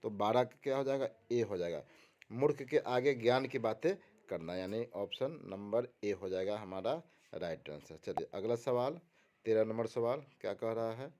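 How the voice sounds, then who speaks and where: A man's voice: on the low side, lively intonation, normal speed, darkish tone. A man teaching exam questions, reading each one out and explaining the answer, repeating key words and asking his listeners rhetorical questions. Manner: repetitive, asks the audience rhetorical questions.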